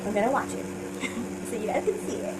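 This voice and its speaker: A woman's voice: fairly high pitch, expressive, normal speed. A young woman in her twenties chatting casually as a reaction vlogger, rambling and apologetic with many fillers. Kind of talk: casual chat. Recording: audible background noise.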